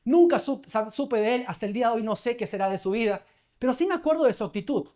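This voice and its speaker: A man's voice: very high-pitched, fast talker, mellow. A man preaching a sermon as pastor, talking conversationally, telling stories and asking the congregation questions.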